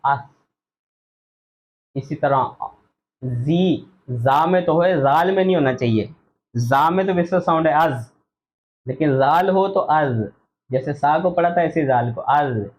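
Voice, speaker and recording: A man teaching an online Quran recitation lesson, slowly drilling letter sounds and repeating them for practice. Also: medium pitch. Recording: dull lo-fi audio.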